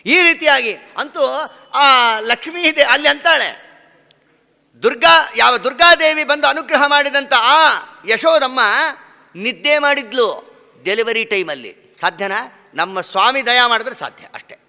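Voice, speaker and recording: A swami gives a devotional discourse in a very bright, high voice. He tells the story by asking questions and answering them himself, and sometimes breaks into song. His voice is smooth and resonant, with a long reverb from the hall. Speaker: swami giving a religious discourse. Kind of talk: devotional discourse with sung verses.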